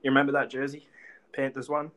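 Australian man podcasting, fairly flat delivery. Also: medium pitch, quick pace. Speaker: podcast host. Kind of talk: casual sports fan chat.

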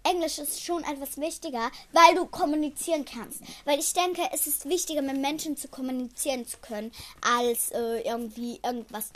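Young girl hosting a podcast, very high bright voice, chatty and giggly. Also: normal speed, hardly any pauses. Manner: chatty, giggly, bursts into loud squeals. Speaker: podcast host. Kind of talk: casual podcast chat.

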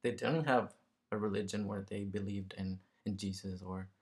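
A man's voice: lowish voice, fairly even intonation, normal speed. A man from Mexico talking casually and reflectively as a guest, searching for words and checking in with the listener. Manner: tentative, searching for words, often tags statements with "right?". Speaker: interview guest.

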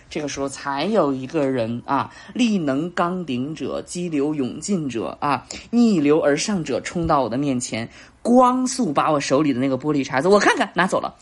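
A woman's voice: low voice, breathy edge. A woman in her thirties co-hosting a podcast, telling stories in casual chat and acting out the dialogue with lots of laughter. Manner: animated, acts out dialogue, laughs often. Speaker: podcast co-host.

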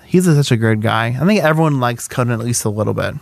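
A man's voice: medium pitch, expressive, creaky, dry recording. A young man hosting a casual podcast chat in a playful, teasing, jokey way. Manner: playful, jokey, quick to tease. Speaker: podcast host.

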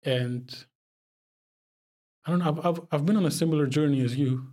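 Reflective and relaxed, a young Pakistani podcast guest keeps breaking into laughter during casual conversation. He talks at a moderate pace in a mellow voice that leans high.

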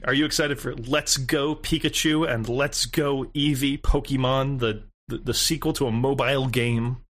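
A man's voice: medium pitch, fairly even intonation, moderate pace, fairly bright tone. A young man co-hosting a casual gaming chat, sarcastic and joking. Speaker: podcast co-host.

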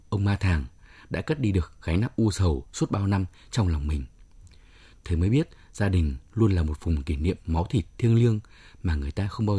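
A man delivers scripted literary commentary. His voice is very low, dark and husky. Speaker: programme editor giving commentary.

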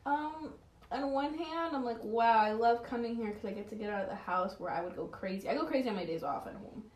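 A woman's voice: on the high side, fairly quick, far from the mic. A woman chatting casually on a podcast, telling stories bluntly and with energy. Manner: blunt, animated storytelling. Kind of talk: casual chat. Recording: echoey room, away from the mic.

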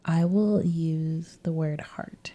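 Young woman, laid-back, hesitant, lowish voice, chatter of people behind. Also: steady tone, slow. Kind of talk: casual chat with friends.

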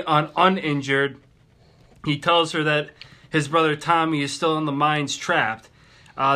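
A man with a slightly high, bright voice recaps a TV episode for his co-hosts. He reads through the plot beat by beat, stumbling and restarting now and then. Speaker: podcast co-host. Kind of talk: casual recap chat.

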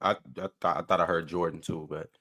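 A man's voice: sits low, little pitch movement, a little fast, sharp tone. An American man hosting a sports talk panel, reading viewer comments and debating casually with dry teasing.

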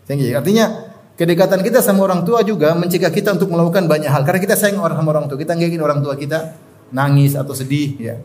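A middle-aged man giving a sermon in an animated storytelling manner, asking the listeners to finish his sentences. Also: on the high side, rapid-fire, slight background noise. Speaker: preacher.

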